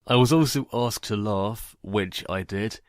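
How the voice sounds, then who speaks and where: A man with a fairly low voice speaks in a plain, monotone way. His delivery is matter-of-fact and deadpan, like a personal vlog told to a microphone. The sound is dry, with very little room in it. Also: measured pace, no echo. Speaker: narrator and video creator. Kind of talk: personal vlog monologue, voice only.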